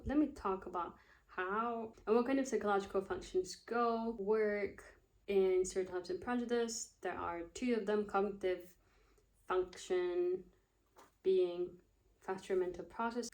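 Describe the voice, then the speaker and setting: A student vlogger in her twenties, whose first language is not Russian, rambles casually and thinks aloud in a mid-range, slightly mellow voice. She often loses her train of thought during the chat.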